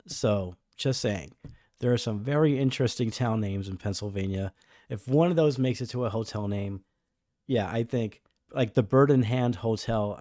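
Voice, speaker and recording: A man's voice: mid-range voice, a little mellow, no room sound, studio quality. A man co-hosting a podcast in casual chat, musing wryly and repeating himself. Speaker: podcast co-host.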